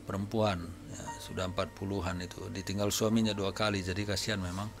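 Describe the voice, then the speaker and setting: A man preaching to his congregation as a pastor, telling anecdotes from his visits in a relaxed, conversational way. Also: sits low, fairly quick, music in the background. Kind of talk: sermon testimony to a congregation. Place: church service.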